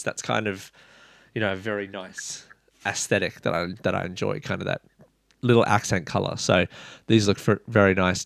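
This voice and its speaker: Gravelly low-voiced man hosting a podcast. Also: no room sound, clean studio sound. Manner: rambling, lots of "kind of" and "you know". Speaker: podcast host. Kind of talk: casual sneaker podcast chat.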